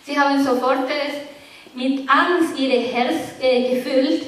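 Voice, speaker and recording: High-voiced woman preaching in an echoey hall. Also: steady tone. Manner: halting, searching for words, many restarts; earnest and gently encouraging. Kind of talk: sermon. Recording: very echoey room, voice from far off, faint noise.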